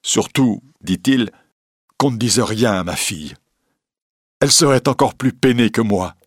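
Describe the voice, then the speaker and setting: A man's voice: medium pitch, measured pace, breathy edge, no echo, studio quality. A man voicing a grieving, weary elderly professor in an audiobook reading, in a subdued, heavy manner. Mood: anguished.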